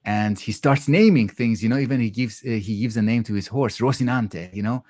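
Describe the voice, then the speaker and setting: A man speaking reflectively in a conversational interview, halting often as he thoughtfully searches for words. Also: mid-range voice, a little mellow, no room sound, studio quality.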